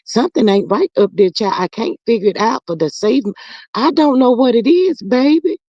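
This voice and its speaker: In this improvised comedy livestream, a performer voices a chatty, gossipy older mother who stumbles over fillers and calls people honey and child while reacting to viewer comments. Her voice is medium-pitched and a little mellow, with lively intonation and a moderate pace, captured dry and muffled.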